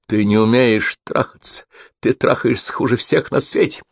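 A man's voice: medium pitch, fairly even intonation, normal speed, vocal fry, no room sound, voice pushed up. A man voicing a defiant taunting woman. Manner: taunting, mocking.

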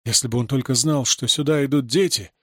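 A man reading a story aloud as narrator, in a measured, dramatic way. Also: mid-range voice, a bit bright, husky, no room sound, clean studio sound. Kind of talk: audiobook reading.

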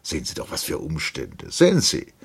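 A man's voice: rumbling low, wildly swooping pitch, normal speed, breathy edge, full character voice. A man voicing a wealthy aristocratic landowner with an offhand, impatient manner. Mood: dismissive. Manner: offhand, dismissive.

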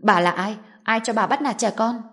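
A woman's voice: a little high, moderate pace, fairly bright tone. A woman as a firm young nurse. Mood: indignant. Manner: firm and indignant.

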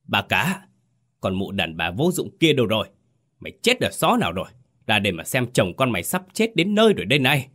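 A man's voice: lowish voice, normal speed, pushed and bright. A man voicing an old, bossy landlord who screams and curses his wife. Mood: furious. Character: old male bullying landlord in agony.

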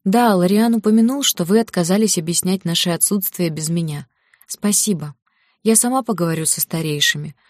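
A woman voicing a weak, remorseful young heroine, a little higher than her narration. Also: fairly quick, no room sound, clean studio sound, natural voice.

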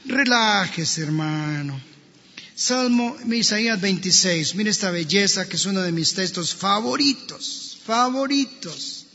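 High, bright-voiced pastor preaching. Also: male voice, expressive, a little slow, slight background noise. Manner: emphatic, addresses the congregation directly. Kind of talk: preaching a sermon. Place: church. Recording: long church reverb, dull lo-fi sound.

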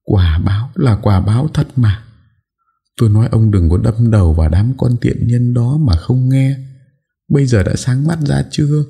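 A man's voice: on the low side, lively intonation, moderate pace, mellow, breathy edge, voice pushed up. A man voicing an older woman, the overbearing mistress of a noble house, who scolds and wails. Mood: wailing. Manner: scolding, wailing.

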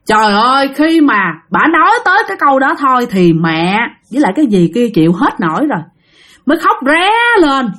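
A woman with a Southern Vietnamese accent tells a ghost story casually, turning often to speak straight to her listeners. Her voice sits on the higher side and swings a lot in pitch, keeping the telling animated. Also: brisk. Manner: animated, addresses listeners directly.

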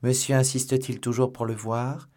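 A man's voice: medium pitch, flat delivery, moderate pace, dark tone, voice pushed up, natural voice. A man voicing a devoted, deferential male manservant who answers politely and evasively.

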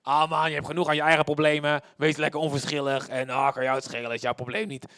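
A man's voice: on the high side, flat delivery, quick pace, fairly bright tone, dry recording, clean studio sound. A man voicing the enemy, a coaxing male devil who urges indifference in a casual, dismissive way.

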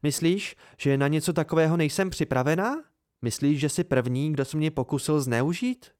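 A man voicing a fierce, proud young woman moneylender with a sharp, mocking way of talking. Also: no room sound, clean studio sound, close to an everyday voice. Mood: scornful. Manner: sharp, mocking and hissing, voice raised high.

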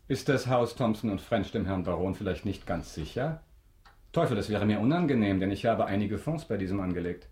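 An actor playing a wealthy, imperious count with polished, mocking irony in a German radio drama. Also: male voice, on the low side, animated, brisk, a little mellow, lightly acted. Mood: mocking politeness. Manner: polished, ironic, haughty formal speech.

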